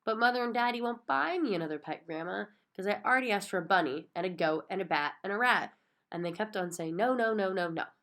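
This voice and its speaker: A woman voicing an excitable, bossy little girl who talks eagerly and repeats herself. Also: medium pitch, quick pace. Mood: pleading.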